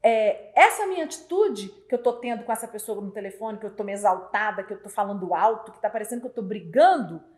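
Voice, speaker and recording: A woman hosting a casual chat, loud and animated, acting out dialogue as she talks. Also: medium pitch. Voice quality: loud speaking voice. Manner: animated, acts out dialogue with quick voice changes. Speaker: host.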